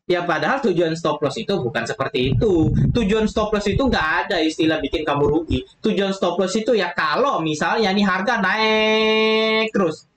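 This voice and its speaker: High-voiced man teaching trading. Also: moderate pace. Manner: chatty, repeats "gitu loh", acts out quotes. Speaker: trading educator. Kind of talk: casual lecture to viewers. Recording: echoey room with faint noise.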